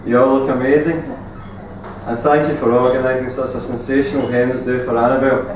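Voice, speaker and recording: Groom's speech, very noisy and echoey. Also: male voice, medium pitch, level tone, fairly quick. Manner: informal, appreciative. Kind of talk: wedding thank-you speech. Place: large echoey venue at a wedding reception. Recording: very noisy, echoey, distant event recording.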